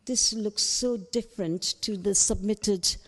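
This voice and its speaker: A woman addressing a council committee, reading her statement aloud in a halting, hesitant way. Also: mid-range voice. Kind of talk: formal statement at a public meeting. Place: council chamber. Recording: reverberant chamber sound.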